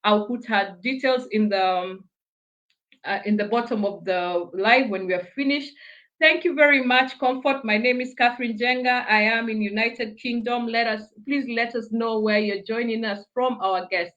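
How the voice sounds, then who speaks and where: A woman's voice: fairly high pitch, moderate pace, a bit bright, muffled recording. A woman hosting a live online interview, reading an introduction with many fillers and restarts. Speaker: host.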